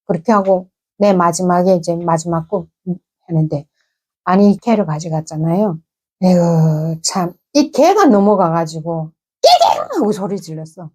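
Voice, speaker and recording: A woman with a North Korean accent recounts her own past in relaxed, conversational storytelling. She paints scenes with lots of sound words and quick imitations. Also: fairly low pitch, breathy edge. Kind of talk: casual personal storytelling.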